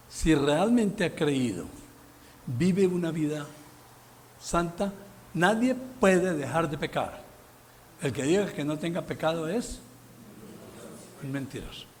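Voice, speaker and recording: A man preaching a Sunday sermon as pastor, emphatic, with sudden loud bursts and exclamations. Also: fairly high pitch, slight background noise. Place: church sanctuary.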